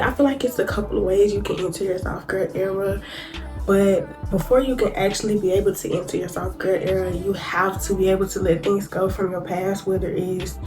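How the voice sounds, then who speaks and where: A young woman YouTuber with a mid-range voice sits indoors vlogging to camera, congested from a cold. She chats casually, calling her viewers y'all and reading notes from her phone.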